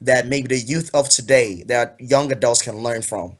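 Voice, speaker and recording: A man's voice: mid-range voice, normal speed. Earnest young man from Ghana. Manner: earnest, rambling with many fillers. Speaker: author guest. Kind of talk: casual interview.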